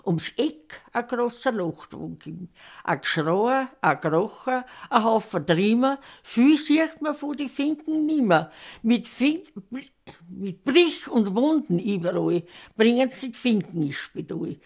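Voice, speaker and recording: A woman in her eighties with an Austrian dialect accent, reciting a rhymed dialect poem in a lively storytelling way. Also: on the high side, slow pace. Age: 80s. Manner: lively storytelling recitation, voicing the farm couple's lines.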